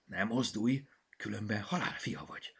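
A man's voice: fairly low pitch, creaky, fairly bright tone, husky, heavily acted. A man voicing a worried little kindergarten girl who whines and pleads. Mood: hushed.

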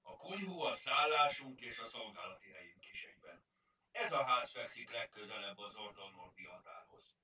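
A man's voice: mid-range voice, lively intonation, pushed and bright. A man voicing a proud, bearded male border guard in a storybook, speaking in a dignified, advising way. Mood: friendly. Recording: roomy, distant mic.

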